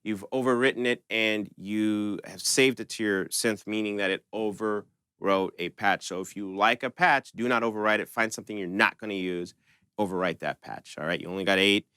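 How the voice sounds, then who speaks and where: A man hosts a synth tutorial channel, his voice fairly low, bright and forceful, at a moderate pace. The recording is clean, echo-free and studio quality as he explains things step by step in a casual, conversational way.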